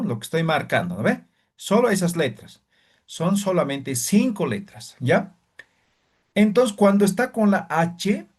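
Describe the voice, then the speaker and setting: Guy teaching pronunciation, slow and patient, voice goes up and down a lot. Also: a little high. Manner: patient, repeats sounds slowly and checks with "¿ya?". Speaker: language teacher. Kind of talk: classroom lesson.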